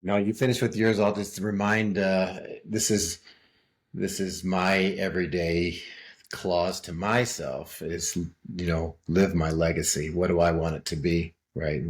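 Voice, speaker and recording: A man's voice: low-pitched, flat delivery, measured pace. A middle-aged man co-hosting a podcast with his son, speaking in short, plain remarks. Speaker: podcast co-host, father. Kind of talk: casual podcast chat.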